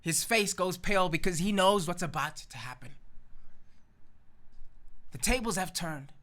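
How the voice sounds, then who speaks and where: A man preaching a sermon, retelling a story in an energetic, emphatic way and closing in prayer. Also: fairly high pitch.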